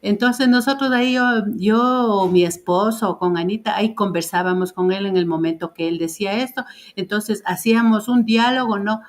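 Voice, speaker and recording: A woman, a parent taking part as a guest, telling a family story in conversation. She acts out the lines of quoted speech and pauses on hesitant fillers. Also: mid-range voice.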